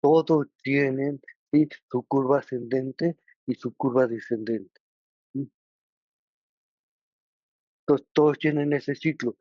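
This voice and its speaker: A man with a Mexican Spanish accent teaching a study group, halting and often pausing to check that listeners follow. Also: medium pitch, steady tone, no room sound. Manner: checks understanding with frequent tag questions; halting, with many restarts and filler words. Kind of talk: explanatory lesson. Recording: dull, lo-fi recording.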